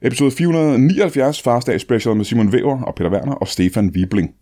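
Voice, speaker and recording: A man hosting a comedy podcast, talking excitedly with many fillers. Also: medium pitch. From Denmark. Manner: fast, excited, full of fillers. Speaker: podcast host. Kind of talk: comedy podcast host, casual chat.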